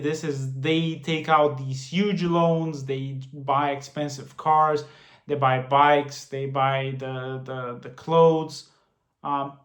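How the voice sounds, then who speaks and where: A man in his late twenties giving casual money advice to the camera, earnest and prone to repeating and restarting phrases. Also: a little high. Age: 20s. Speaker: finance vlogger. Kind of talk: casual talking-head advice. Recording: roomy echo.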